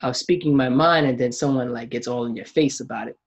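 A man's voice: medium pitch, quick pace. A man hosting a podcast, talking in a reflective, casual way and often restarting his sentences. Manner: reflective, frequent restarts and acted-out quotes. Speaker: podcast host.

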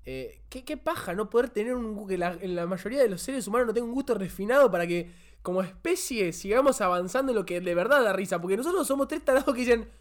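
A young man with an Argentine accent, co-hosting a podcast in casual chat, animated and cutting in. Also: high-pitched, fast talker. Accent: Argentine Spanish. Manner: animated, interrupting, swearing. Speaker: podcast co-host.

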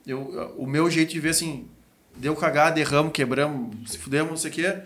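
A man's voice: a little high, fairly quick, fairly bright tone. A man hosting a podcast, giving blunt motivational advice in casual slang. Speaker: podcast host.

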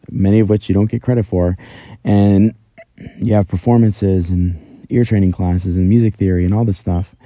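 A middle-aged man with a low, warm voice hosts a solo podcast from inside a closet. In a casual, self-deprecating first-person monologue, he tells his own story, and the recording is very dry and close.

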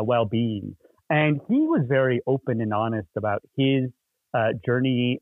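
A man's voice: mid-range voice, no room sound. A man who hosts a podcast, speaking in an easygoing, self-assured way on a panel. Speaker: podcast host. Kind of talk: casual panel chat. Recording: tinny phone-like line.

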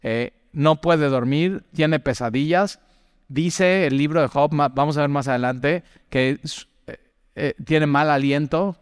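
A man gives a conversational Bible talk, often turning to the listener with questions and stories from his own life. His voice is smooth and clean, with a long trailing reverb behind it. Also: on the high side, unhurried, clean studio sound. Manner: chatty, asks the listener direct questions, tells personal stories. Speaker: Bible teacher.

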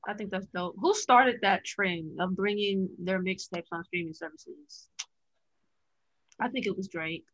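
A woman's voice: mid-range voice, a little slow, a bit bright, dry recording, highs cut off. Female podcast co-host, casual chat, curious questions, dry room.

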